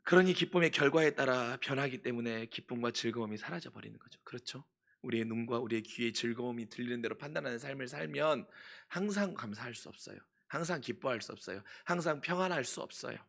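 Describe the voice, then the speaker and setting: Fast-talking pastor preaching with rising passion. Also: male voice, medium pitch, creaky. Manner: swings from hushed asides to loud impassioned pleading; asks the congregation questions and answers them himself. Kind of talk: sermon.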